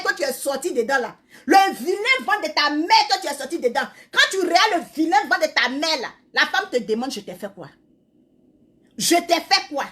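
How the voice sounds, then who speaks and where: A woman delivering a loud, scolding rant full of repeated insults. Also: very high voice. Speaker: social media creator. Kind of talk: angry insult-filled rant.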